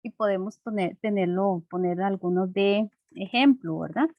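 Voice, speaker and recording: A woman's voice: medium pitch, moderate pace, no room sound. Woman teacher explaining patiently to kids, keeps asking if they follow, dry muffled audio. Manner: checks in with frequent rhetorical questions; patient, simple teaching to children. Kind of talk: classroom explanation.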